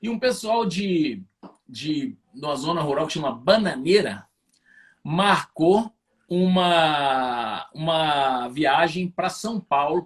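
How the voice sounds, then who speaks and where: A Brazilian man with a notably high voice tells his story with animated energy. He is a business owner speaking as a guest on a live-streamed interview, and he keeps the tale moving with a lively, anecdotal flow.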